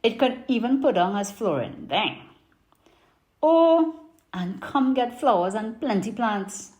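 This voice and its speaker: A woman's voice: fairly high pitch, big pitch swings, takes it slowly, a little mellow. Lilting woman reciting in a strong Trinidadian accent. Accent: strong Trinidadian market accent. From Trinidad and Tobago. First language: English. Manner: lilting, emphatic, rhyming market-seller delivery. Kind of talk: performed dialect poem recitation.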